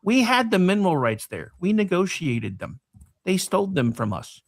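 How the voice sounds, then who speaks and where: A man's voice: sits high, sing-song, normal speed, creaky, no echo. A man co-hosting a talk show, giving casual political opinions in a blunt, profane way.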